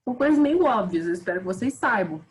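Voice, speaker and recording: A woman's voice: mid-range voice, lively intonation, quick pace. A woman teacher with a Brazilian Portuguese accent, giving a casual, chatty grammar lesson and calling her students "gente".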